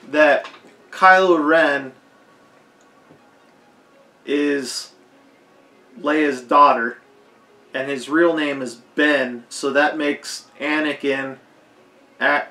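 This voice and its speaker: A man with a hoarse, fading voice giving a rambling, unscripted movie commentary, leaning hard on "like". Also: a little high, steady tone, takes it slowly, long pauses, sharp tone. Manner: rambling, heavy use of "like". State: hoarse, losing his voice. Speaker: film commentator. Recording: echoey roomy recording.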